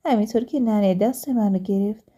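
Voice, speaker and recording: A woman narrating a first-person life story in a calm, steady reading voice. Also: medium pitch.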